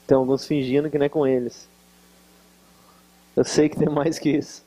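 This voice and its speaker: A guest preacher from Varginha, Brazil, speaks at a church conference before a live audience in a hall, using a Brazilian Portuguese Minas Gerais accent. His high-pitched, husky voice moves at a normal speed as he jokes in a relaxed way and teases listeners through the sermon. The audio quality is poor.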